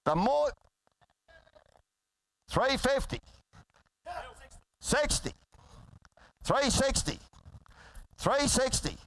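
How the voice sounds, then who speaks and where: High-pitched man rattling off auction bids. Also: very animated, drawn-out words, vocal fry, long pauses, a bit bright, low-quality recording. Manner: repetitive, urgent bid calling. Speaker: livestock auctioneer. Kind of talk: rapid-fire auction chant and sales patter. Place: live yearling sale.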